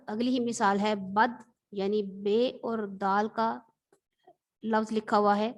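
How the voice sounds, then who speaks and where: A woman teacher from Pakistan, giving a patient, explanatory vocabulary lesson and repeating words slowly. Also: medium pitch.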